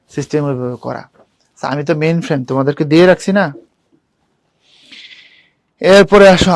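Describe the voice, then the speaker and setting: Young guy teaching online, fairly high voice, dry close sound, chatty. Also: dry recording. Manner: casual, chatty, addresses students directly, asks them questions. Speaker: university admission tutor. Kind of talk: online class lecture.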